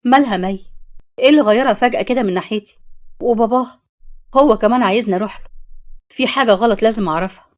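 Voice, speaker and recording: A woman narrating a story with an Egyptian accent, in a brisk and plain way. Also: on the high side, a little mellow. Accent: Egyptian Arabic.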